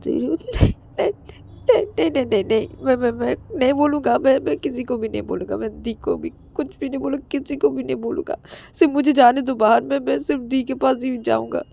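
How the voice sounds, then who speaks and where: A woman's voice: a little high, a little slow, creaky, pauses often, dark tone, pitched above the performer's own voice. Woman doing a sobbing, stammering young man. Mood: tearful pleading. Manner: stammering, tearful pleading.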